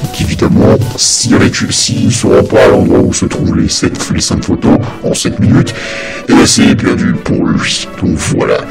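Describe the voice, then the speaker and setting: A man voicing a dark, mocking villain who hosts a video game challenge, taunting theatrically in a croaky growl. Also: low-pitched, big pitch swings, moderate pace, heavily acted. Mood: sinister, gloating. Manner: taunting, theatrical, hesitant delivery. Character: dark male villain sneering at mortals and mocking his victim. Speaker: challenge host of a gaming video. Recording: loud music behind the voice.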